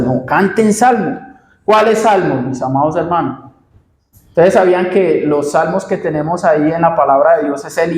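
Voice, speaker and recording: A man's voice: high-pitched, a little mellow. A Colombian man preaching a sermon, repeating phrases for emphasis and often calling out to his beloved brothers. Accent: Colombian Spanish. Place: church sanctuary. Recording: echoey church room.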